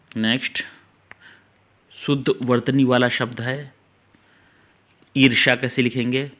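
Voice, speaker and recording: Male teacher, mid-pitched, exam-prep grammar lesson, talks straight to the students, drags out key words for them to copy. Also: fairly bright tone. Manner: explains step by step, repeats key words slowly; talks directly to students, urging them to note things down.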